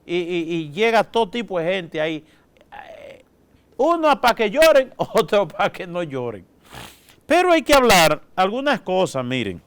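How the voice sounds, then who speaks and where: A priest with a Dominican accent delivers a colloquial, down-to-earth sermon in a high male voice that swings widely in pitch. His tone is clean and resonant, his pace unhurried and smooth, and he keeps breaking off for brief asides to his listeners. He comes across as lively and folksy, sprinkling in "¿verdad?" and "oiga" throughout.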